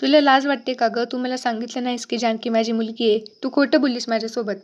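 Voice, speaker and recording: A sharp-tongued schemer who nags and dismisses everyone around her, read out by a woman. The voice sits a little high but barely moves in pitch. The sound is slightly dull and lo-fi. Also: fairly even intonation, fast, lightly acted. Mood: bossy.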